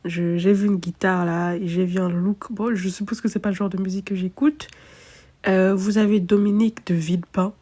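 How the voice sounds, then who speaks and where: A woman's voice: medium pitch, flat delivery, normal speed, warm tone. A woman, an astrologer chatting casually and self-mockingly, thinking aloud with many fillers. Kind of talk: casual chat to camera.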